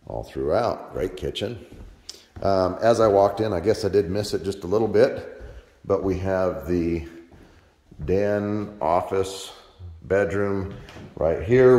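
A man giving a relaxed, plainspoken walkthrough tour of an empty house, filmed on a handheld phone. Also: low-pitched. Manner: relaxed, plainspoken, with frequent pauses and fillers. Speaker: real estate agent. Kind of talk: casual walkthrough tour narration. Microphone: handheld phone camera. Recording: echoey empty rooms.

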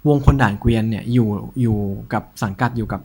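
A man hosting a collector's show in a casual, informal show-and-tell style, with a slightly husky voice. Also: lowish voice, fairly even intonation, quick pace, noisy background. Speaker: host of a cassette collection show.

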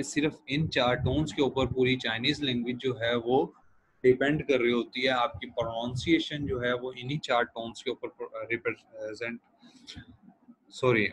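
Guy teaching a lecture, says every sound twice real slow, mid pitched plain voice. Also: fairly bright tone, husky, poor audio. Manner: explanatory, repeats each sound slowly for students to copy. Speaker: language teacher. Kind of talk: recorded lecture.

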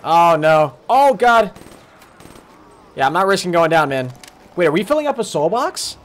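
A man commentating his live game stream, chatting along and greeting viewers by name with sudden excited outbursts. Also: on the high side, brisk.

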